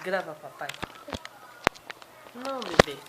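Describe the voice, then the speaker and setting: A woman's voice: lowish voice, sing-song, slow, heavy background noise. A woman filming her baby at home on a handheld phone, coaxing him in repetitive, sing-song baby talk. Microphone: handheld phone camera.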